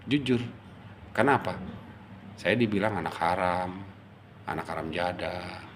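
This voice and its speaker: A middle-aged man from Java casually telling a personal story, animated and emotional, acting out the quotes. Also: deep voice, measured pace, slight background noise. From Java, Indonesia. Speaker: storyteller recounting his life.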